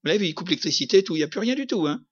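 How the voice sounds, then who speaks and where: French preacher guy, high voice, gets loud and punchy at the big points, kinda dull lo-fi sound. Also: racing, breathy edge. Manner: lively preaching, rising to emphatic peaks. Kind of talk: sermon. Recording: slightly dull lo-fi recording.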